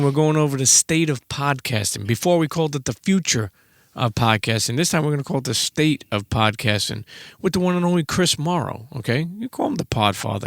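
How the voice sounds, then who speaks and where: A Brooklyn, New York man hosts a casual interview podcast, speaking colloquially and addressing his listeners directly. His voice is a little high with a fairly bright tone, captured as clean studio sound with no echo.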